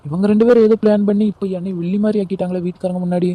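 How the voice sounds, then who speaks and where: A scornful, sharp-tongued young daughter-in-law from a homemade cartoon, with a man doing the voice. She talks fast and high. The sound is dry and close. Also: fairly even intonation, no echo. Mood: defensive. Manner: scornful, defensive. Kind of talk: amateur cartoon voice acting.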